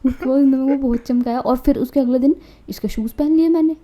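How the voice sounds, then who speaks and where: A young woman co-hosts a casual podcast with a high, mellow voice. She tells a family story with animated energy and mimics her relatives along the way. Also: fast talker. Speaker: podcast co-host.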